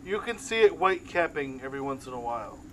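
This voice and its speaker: Casual game master, faint hiss behind. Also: male voice, fairly high pitch, very animated, fast, a bit bright. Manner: casual, thinking aloud. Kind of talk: narrating a tabletop game.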